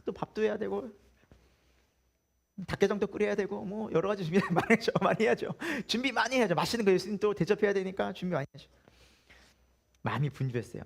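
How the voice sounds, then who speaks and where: A man's voice: sits high, fairly bright tone. A male pastor preaching a Sunday sermon in a church, with humor and many rhetorical questions.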